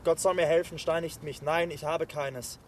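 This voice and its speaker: An actor playing a weary, stubborn soldier back from war in a stage play, brooding with defiant outbursts. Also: male voice, a little high, steady tone, normal speed, a little hiss or hum, natural voice.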